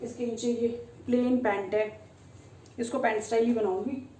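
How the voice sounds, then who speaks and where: A woman in her thirties talks through a casual family vlog with a high voice. She rambles from one thing to the next and laughs often along the way. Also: fairly even intonation, moderate pace, dark tone, a little hiss or hum. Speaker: family vlogger.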